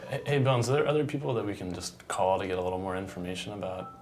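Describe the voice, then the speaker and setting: A man's voice: sits low, quick pace, darkish tone. A man speaking as an outreach worker in a scripted training role-play, casual and hesitant with fillers. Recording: music bed under speech.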